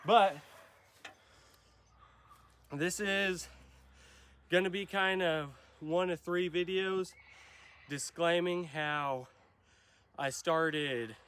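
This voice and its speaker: A man's voice: sits high, fairly bright tone, slight background noise. A young man hosting a casual truck vlog, rambling and unsure, with frequent ums. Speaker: vlog host.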